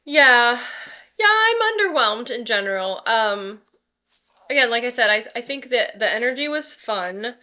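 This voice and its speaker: A woman hosting a casual reaction chat with friends, laughing often and tossing in quick asides. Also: a little high, lively intonation, pushed and bright. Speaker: channel host.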